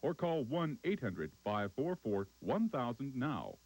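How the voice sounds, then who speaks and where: A man's voice: medium pitch, sing-song, measured pace, very noisy. A male announcer reading scripted infomercial ordering instructions. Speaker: commercial announcer.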